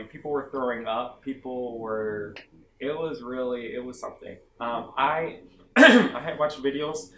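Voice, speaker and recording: Young man telling a story in an echoey room. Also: mid-range voice. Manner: animated, self-dramatizing, many "like" fillers. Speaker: vlogger recounting basic training. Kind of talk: casual storytelling vlog. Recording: echoey room, faint background hum.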